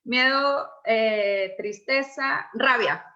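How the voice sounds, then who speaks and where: Woman coach, expressive explainer, high bright voice. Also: extremely slow, muffled recording. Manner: expressive, reenacts dialogue. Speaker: emotions coach. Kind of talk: conversational explanation.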